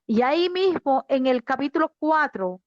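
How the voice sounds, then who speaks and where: A woman's voice: sits high, expressive, normal speed, no room sound, highs cut off. A woman pastor giving a fervent sermon, speaking straight to her congregation. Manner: fervent preaching, addressing the congregation directly. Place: online church service.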